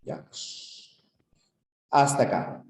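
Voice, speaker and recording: A Peruvian man teaches a university-prep lecture, explaining step by step and checking in with the class through quick questions. The room he's recorded in is echoey.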